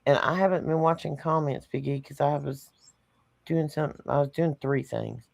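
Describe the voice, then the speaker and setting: Southern woman co-host, gravelly and dry, folksy and down-home. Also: deep voice, normal speed, a little mellow, dry recording. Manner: folksy, drawling, uses "ain't" and "y'all". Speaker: co-host of a live stream show. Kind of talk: casual live-stream chat.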